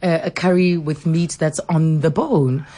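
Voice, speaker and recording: A woman's voice: low voice, steady tone, unhurried, mellow. A woman with a South African accent hosting an informal radio interview in an effusive, chatty way. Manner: effusive, chuckles often. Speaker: radio host.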